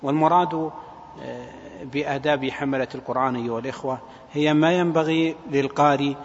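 Man, religious lecture, measured hesitant phrasing, long hall reverb, dull recording. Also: fairly high pitch, fairly even intonation. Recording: dull, echoing hall, faint noise.

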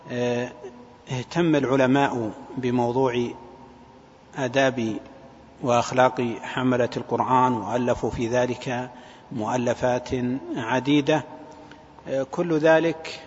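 A man giving a religious lecture in a measured, hesitant way, often repeating his phrases. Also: medium pitch. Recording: dull, echoing hall, faint noise.

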